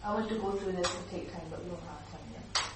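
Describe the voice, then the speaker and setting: A woman's voice: lowish voice, fast talker, noisy background. Echoey woman trainer leading a workshop. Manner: lively, acts out example speakers. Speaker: teacher trainer. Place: training room. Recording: echoey room recorded from far off.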